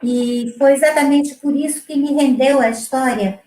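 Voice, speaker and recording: High-voiced woman explaining her music teaching. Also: fairly even intonation, normal speed, dark tone, reverberant, rough recording. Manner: explanatory, with many fillers and restarts. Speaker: music educator presenting her work. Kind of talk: conversational presentation.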